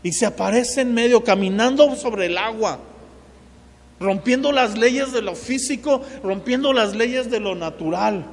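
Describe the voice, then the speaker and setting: A man's voice: extremely high pitch, unhurried. A man preaching a sermon as pastor, talking straight to his congregation and mixing in playful asides. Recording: long reverb of a large hall.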